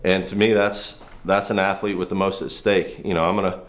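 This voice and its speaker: Deep-voiced man explaining band training. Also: level tone, brisk. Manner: earnest, rambling explanations with restarts. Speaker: firefighter and trainer. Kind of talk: casual instructional demo. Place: home garage gym.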